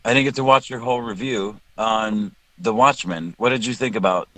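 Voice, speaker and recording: Male podcast host, lowish voice, casual swearing chat over a call. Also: moderate pace, a bit bright, no echo. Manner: loose, swears, jokes and laughs easily.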